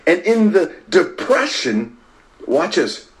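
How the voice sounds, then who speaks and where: A man preaching a sermon, repeating phrases for emphasis and swinging between loud stress and near-whispers while talking to online viewers. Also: high voice, big pitch swings, slow pace, low-quality recording. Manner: repetitive and emphatic, rising to stress and dropping to a hush.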